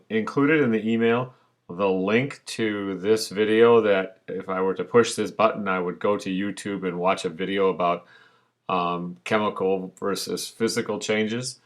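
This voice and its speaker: A man's voice: sits low, a bit bright. A male science teacher giving a recorded online lesson over slides, explaining patiently with frequent fillers.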